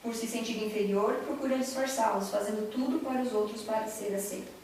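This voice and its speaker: A woman gives a heartfelt spiritual lecture, mixing personal stories with direct appeals to her listeners. Her voice sits high, and it is caught from a distance in a strongly echoing hall. A faint hiss lies under the whole recording. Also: fairly even intonation, brisk, darkish tone. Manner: earnest, personal storytelling, audience-addressing. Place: large echoey hall, recorded from afar.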